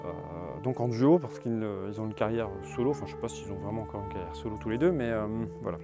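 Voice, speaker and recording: A man's voice: lowish voice, fast talker, creaky. A young man casually reviewing music albums to a phone camera, thinking aloud with many hesitations. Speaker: vlogger presenting borrowed music albums. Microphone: phone camera on a tripod.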